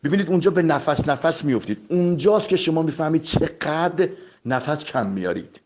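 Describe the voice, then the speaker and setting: A man's voice: on the high side, animated, a little mellow. A man giving a spoken vocal lesson, addressing listeners politely and demonstrating sounds by repeating them. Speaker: voice coach. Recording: dull lo-fi recording.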